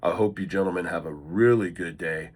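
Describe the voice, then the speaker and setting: Man, deep voice, slightly raspy, earnest motivational vlog, repeats his point. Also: fairly quick. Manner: earnest, repetitive, encouraging. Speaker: motivational vlogger. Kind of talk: casual motivational talk to camera.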